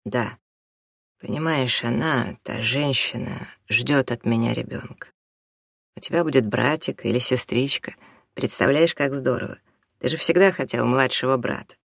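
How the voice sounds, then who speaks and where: A reader voicing a middle-aged father who justifies leaving his family, speaking lower than the narration in a pleading, defensive way. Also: normal speed, creaky, no echo, clean studio sound. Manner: pleading, defensive, rising to near shouting. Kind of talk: audiobook character reading.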